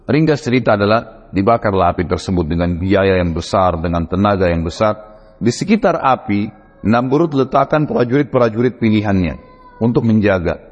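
A male preacher telling a religious story in an animated, conversational way, with frequent asides to his listeners. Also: lowish voice, moderate pace. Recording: dull echoey hall recording.

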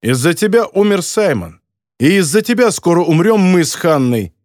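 A man's voice: high-pitched, very animated, normal speed, a little mellow, dry recording, clean studio sound, pitched above the performer's own voice. A man playing a sneering, scornful editor. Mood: scolding. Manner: mocking, scolding. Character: sarcastic, harsh male newspaper editor.

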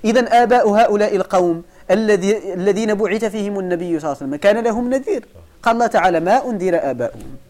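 A man's voice: sits high, rapid-fire, darkish tone. A man with a Moroccan accent teaching a lesson, explaining a text step by step and putting questions to his students. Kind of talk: lesson commentary.

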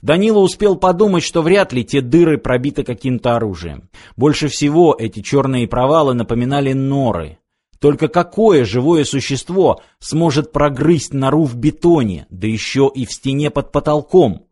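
A man's voice: medium pitch, lively intonation, normal speed, darkish tone. Man narrating an audiobook steadily. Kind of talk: scripted narration.

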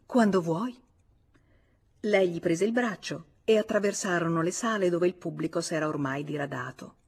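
A woman narrating an audiobook with measured, even storytelling. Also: on the low side, husky. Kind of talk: audiobook reading.

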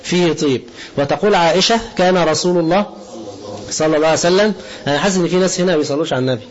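Egyptian sheikh guy preaching super quick, kinda high voice, asks then answers his own questions. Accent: Egyptian Arabic. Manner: poses questions to the audience and answers them himself. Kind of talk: colloquial religious lesson. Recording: dull lo-fi lecture recording.

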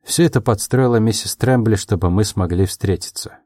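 A man voicing a calm, earnest young man in love in an audiobook, speaking quietly and in a measured way. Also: lowish voice, no echo, clean studio sound, natural voice. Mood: reassuring.

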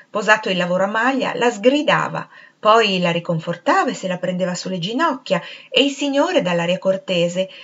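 Female audiobook narrator, measured and expressive, mid-range voice, slightly dull recording. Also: mid-range voice. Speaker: audiobook reader.

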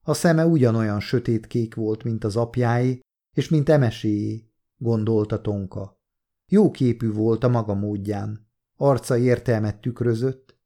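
A man reading an audiobook in calm, measured narration. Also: on the low side. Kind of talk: scripted narration.

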